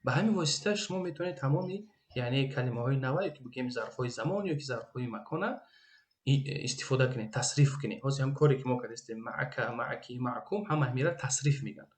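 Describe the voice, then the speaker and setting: A man with a Tajik accent teaching an Arabic grammar lesson. He repeats each Arabic phrase slowly and then translates it. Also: medium pitch.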